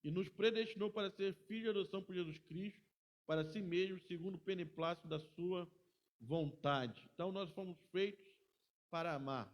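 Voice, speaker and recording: A middle-aged man, a pastor teaching a Bible school class in a chatty way, often ending sentences with a quick tag question. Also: high-pitched.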